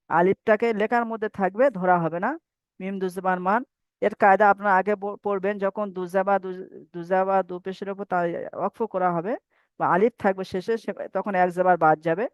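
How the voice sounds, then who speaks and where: A man's voice: sits high, clear, resonant tone, dry recording. A man teaching Quran recitation rules in a patient, repetitive way and having students recite after him. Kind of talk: online tajweed lesson. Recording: dry, dull lo-fi mic.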